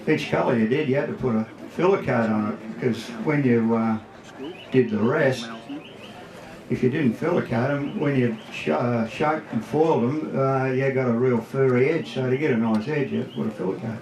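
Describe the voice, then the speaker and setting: An older Australian man reminisces in a plain-spoken, colloquial way. His voice has a gravelly creak, and it comes through roomy and distant from the microphone. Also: medium pitch, moderate pace, a little mellow, slight background noise. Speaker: guest speaker, veteran surfboard maker. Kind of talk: casual reminiscing before an event crowd. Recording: roomy echo, far from the mic.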